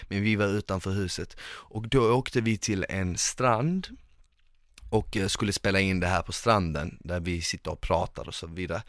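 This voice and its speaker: A man's voice: sits low, dry recording, studio quality. A man telling a long story in casual conversation, rambling with lots of fillers. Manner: lively, rambling, with many fillers.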